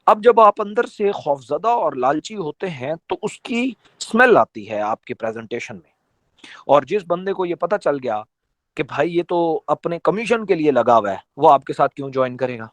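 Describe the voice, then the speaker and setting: A man gives a motivational training talk to his team in an emphatic, conversational way. His voice sits fairly high and swings widely in pitch as he drives his points home with rhetorical questions. The sound is dry and close, with no room echo. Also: animated. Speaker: network marketing trainer.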